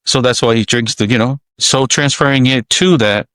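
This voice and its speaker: A man from American Samoa hosting a podcast, telling stories in a relaxed, reminiscing way with halting restarts. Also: medium pitch, clean tone, no echo. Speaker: podcast host. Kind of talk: casual podcast storytelling.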